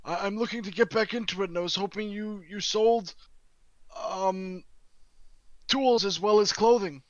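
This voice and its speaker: A man playing a tabletop game, speaking hesitantly with many pauses. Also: sits high, dry recording. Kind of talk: casual in-character game talk. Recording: dull lo-fi mic.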